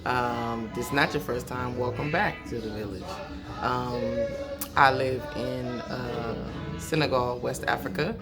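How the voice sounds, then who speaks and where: A woman's voice: extremely low pitch, fairly even intonation, a little slow, over loud music. A woman in her thirties with an American accent, chatting casually and slangily to her vlog viewers. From Los Angeles, USA. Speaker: vlogger.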